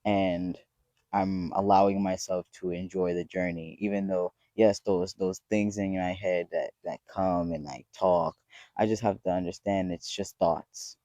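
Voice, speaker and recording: A man's voice: low-pitched, steady tone, unhurried, warm tone, dry recording, highs cut off. A man in his twenties talking to camera in a rambling, earnest motivational way, swearing freely as he goes. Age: 20s. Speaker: vlogger. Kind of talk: casual motivational talk to camera.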